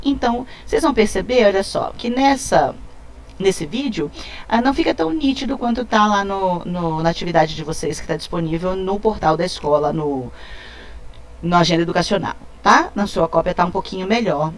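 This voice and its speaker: A woman's voice: lowish voice, slight background noise. Brazilian woman teaching a Spanish lesson. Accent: Brazilian Portuguese. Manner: switches between Spanish and Portuguese, explains slowly, checks in with "tá?". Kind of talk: recorded video lesson for schoolchildren.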